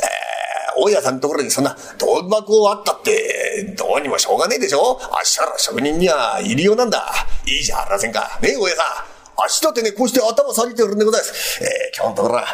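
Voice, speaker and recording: A man voicing a rough, hot-tempered master carpenter with an old Edo Tokyo accent who pleads and then rants fast in rakugo storytelling. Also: a little high, sing-song. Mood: pleading. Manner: begging at first, then a rapid street-tough tirade.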